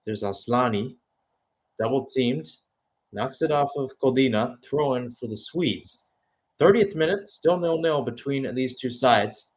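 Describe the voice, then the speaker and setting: A man with a mid-range voice speaks at a measured pace, delivering live radio-style football play-by-play. He blends calls of the action with conversational, musing analysis.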